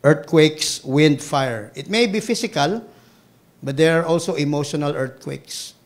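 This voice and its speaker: A Filipino man preaching a sermon with big swings between loud exclamations and hushed asides. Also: a little high, measured pace. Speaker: pastor.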